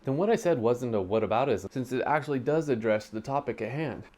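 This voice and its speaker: A man's voice: medium pitch, expressive, brisk, a little mellow, lightly acted. A man voicing a flustered male viewer who protests and argues back. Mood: protesting.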